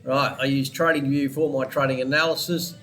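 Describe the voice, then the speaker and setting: An Australian man with a congested head cold chats casually through a weekly forex trading analysis, rambling and digressing into side topics with small laughs. His mid-range voice stays steady and fairly quick, a bit bright, with slight background noise.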